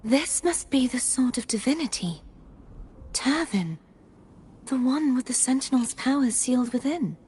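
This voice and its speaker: An actress voicing a youthful holy maiden in video game dialogue, speaking softly, earnestly and formally. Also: female voice, sits high, animated, unhurried, slight background noise.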